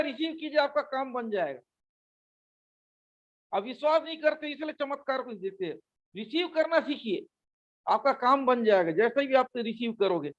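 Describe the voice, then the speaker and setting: A man's voice: very high voice, lo-fi sound. A male pastor delivering an urgent sermon, repeating his calls to the listeners again and again. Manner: urgent, repetitive exhortation.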